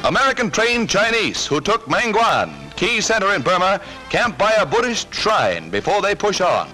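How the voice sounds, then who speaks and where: A man narrating a 1940s wartime newsreel in a brisk, punchy, patriotic manner, heard as an old newsreel soundtrack. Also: high voice, sing-song, poor audio. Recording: narration over loud music.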